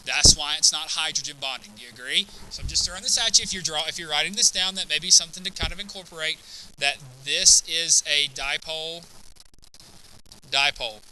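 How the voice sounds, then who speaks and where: A man's voice: on the high side, fairly quick, bright, forceful tone, a little hiss or hum, rough recording. A man teaching a chemistry class, lecturing and constantly checking in with students by asking "right?" and "okay?".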